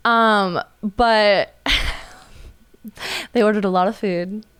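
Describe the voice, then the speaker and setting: Young woman guest, smooth voice, casual rambling storyteller. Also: mid-range voice, steady tone, extremely slow, a bit bright. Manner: chatty storyteller with many fillers and likes. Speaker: podcast guest, waitress. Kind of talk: casual podcast chat, storytelling.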